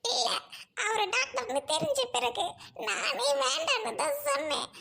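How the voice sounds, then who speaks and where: A woman voicing a soft-spoken young bride who gives way and stays gentle, in an amateur audio drama. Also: very high-pitched, sing-song, a little slow, vocal fry, exaggerated voice. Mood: tearful. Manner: soft, yielding, tearful.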